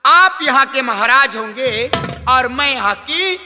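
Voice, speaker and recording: Wicked stepmother queen male actor, folk stage villainess, cruel and scheming, long echo over loud music. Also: very high voice, lively intonation. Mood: sly, coaxing. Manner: wicked stepmother, gloating, drawn-out menacing delivery. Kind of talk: Nautanki folk stage melodrama. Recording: echoey stage sound system, loud music.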